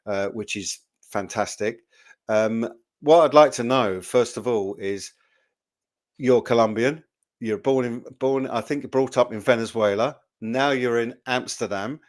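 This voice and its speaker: A man hosting a casual video interview, chatty and jokey, with lots of fillers and restarts. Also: medium pitch. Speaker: interview host.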